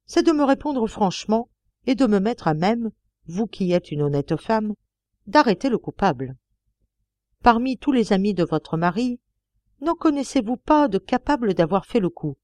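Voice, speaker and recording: A woman's voice: medium pitch, animated, moderate pace, warm tone, dry recording, natural voice. A woman voicing a young male policeman in an audiobook, coaxing and insistent in his questions. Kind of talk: audiobook character reading.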